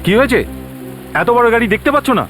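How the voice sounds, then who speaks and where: A man's voice: extremely high pitch, animated, fast, fairly bright tone, faint music behind. An actor playing a stern, impatient man who scolds and gives orders in a dubbed TV crime drama. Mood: irritated.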